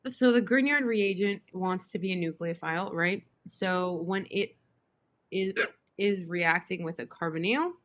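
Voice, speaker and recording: A woman's voice: fairly low pitch, a little slow. A young woman tutoring chemistry online, hiccuping and breaking off with apologies as she explains. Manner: apologetic, self-interrupting with "excuse me".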